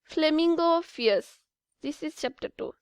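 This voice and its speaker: A woman reading a children's bedtime story aloud in a gentle, expressive way. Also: sits high, measured pace, no echo.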